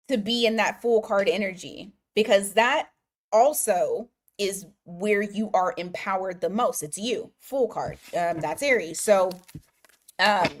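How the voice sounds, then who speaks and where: A woman giving live tarot readings, talking casually to viewers, laughing often and circling back on her words. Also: medium pitch. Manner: chatty, laughs often, restarts and fillers. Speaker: tarot reader.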